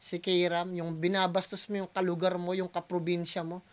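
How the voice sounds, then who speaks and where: A Filipino man hosting a reaction video, talking casually in mixed Tagalog and English, pausing often and calling out to his viewers. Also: high voice, little pitch movement, a bit bright. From Philippines. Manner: hesitant Taglish, keeps addressing viewers as guys.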